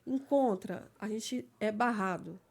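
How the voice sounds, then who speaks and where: A woman's voice: medium pitch, slow pace, a little mellow. A woman, a guest in an interview, explaining things carefully and a little hesitantly, often checking in with "né?". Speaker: guest, legal assistant. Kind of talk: personal conversational interview.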